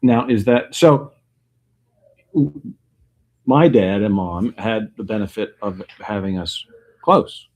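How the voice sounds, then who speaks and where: A man hosting a casual podcast outdoors at a desert retreat, easygoing and quick with teasing quips. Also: on the low side. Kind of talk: casual chat.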